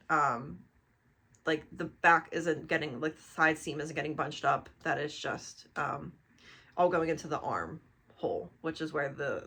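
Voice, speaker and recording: A woman's voice: lowish voice, sharp tone. Chatty woman rambling about crochet. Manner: rambling, many "um"s, self-deprecating laughs. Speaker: podcast host. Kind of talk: casual crochet podcast chat.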